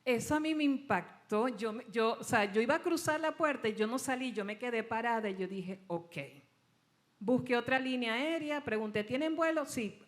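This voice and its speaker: A woman's voice: fairly high pitch, expressive, normal speed. A woman pastor from Venezuela, preaching a sermon and telling a personal story in which she acts out the dialogue and laughs at herself.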